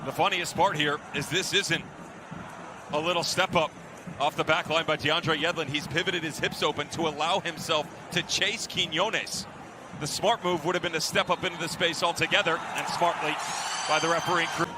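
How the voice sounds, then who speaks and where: A man's voice: on the high side, fairly even intonation, normal speed, background noise. A man giving live soccer analysis as color commentator, explaining plays emphatically.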